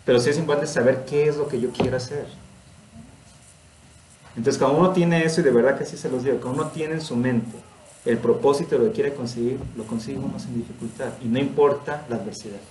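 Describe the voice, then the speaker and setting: A man with a Mexican accent gives an informal spiritual lesson in an earnest, personal way, laughing often. His voice sits at a middle pitch. The recording has a roomy echo around it. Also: fast, noisy background. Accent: Mexican Spanish. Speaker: religious study teacher.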